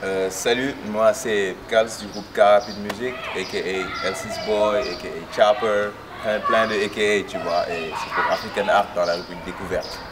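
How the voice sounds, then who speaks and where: A man's voice: fairly low pitch, moderate pace, few pauses. A man rapper, answering casually with many fillers. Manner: relaxed, many fillers like "tu vois". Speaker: rapper guest. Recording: distant mic with noisy ambience.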